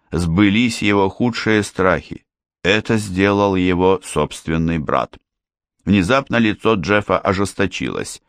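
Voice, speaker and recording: Male thriller audiobook narrator, very low voice, dry close sound. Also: no echo.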